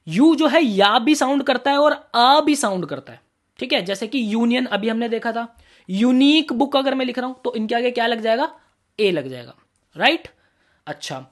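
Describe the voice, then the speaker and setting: A man's voice: extremely high pitch, a bit bright. A man teaching an exam-prep class online, mixing in English terms and often asking students whether they follow, calling them brother and kids.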